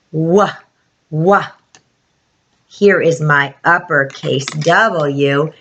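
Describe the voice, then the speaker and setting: Teaching little kids their alphabet, a woman speaks in a broad singsong presenter's manner at a medium pitch with a breathy edge. She poses prompting questions and stretches out important words.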